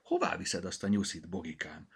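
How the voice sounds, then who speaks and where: A man's voice: sits low, expressive, gravelly, breathy edge, full character voice. A man voicing a kindergarten teacher who exclaims and gives orders. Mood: curious. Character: kind kindergarten teacher, woman.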